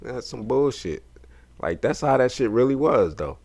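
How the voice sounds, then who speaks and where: A man's voice: mid-range voice, very animated, moderate pace, vocal fry, darkish tone. Profane, joking man reacting to a video. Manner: profane, joking, laughs often. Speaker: reaction streamer. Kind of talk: casual reaction commentary.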